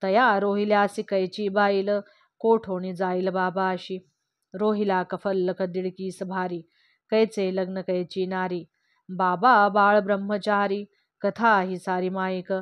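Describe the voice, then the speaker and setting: A woman reading devotional verse aloud in a steady, measured recitation. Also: mid-range voice, dry recording. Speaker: reader of a devotional text. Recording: slightly dull, dry lo-fi recording.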